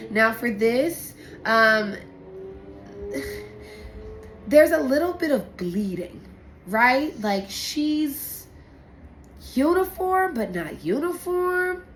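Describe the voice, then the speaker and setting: A woman's voice: sits high, big pitch swings, slow, music in the background. A woman talking casually as a sommelier explaining a tasting, with a playful, slangy, sweary manner. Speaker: sommelier presenting a blind wine tasting. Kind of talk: casual explanatory chat to camera. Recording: roomy echo, faint background noise.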